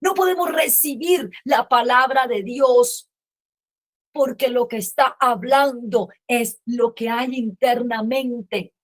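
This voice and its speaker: A middle-aged woman pastor preaching a sermon with impassioned delivery that rises to shouts. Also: fairly high pitch, slow pace.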